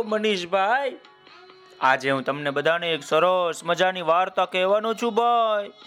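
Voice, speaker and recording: A man storyteller with a high, bright voice tells a children's tale slowly and affectionately, calling out to the little ones. Faint music plays behind him. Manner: warm, affectionate, addressing children directly.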